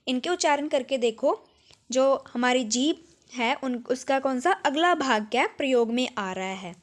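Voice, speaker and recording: High-voiced Punjabi woman teaching. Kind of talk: exam-prep grammar lesson.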